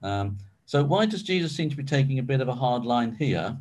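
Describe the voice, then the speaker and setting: A man's voice: medium pitch, expressive, brisk, darkish tone. A man leading a Bible study, explaining in a conversational way with frequent ums and restarts. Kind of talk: informal teaching talk.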